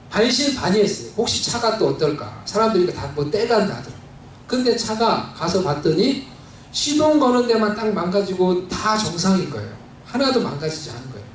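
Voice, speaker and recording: A man's voice: sits high, slight background noise. A male pastor preaching a sermon, telling a personal story in a heartfelt, conversational way with many fillers. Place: church sanctuary. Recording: very echoey church hall, mic at a distance.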